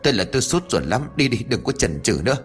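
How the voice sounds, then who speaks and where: A short-fused village uncle who barks orders fast, read by a male narrator. His delivery is lively and clipped, with faint music underneath the audiobook. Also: medium pitch, close to an everyday voice. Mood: impatient. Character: stern, hot-tempered middle-aged village uncle.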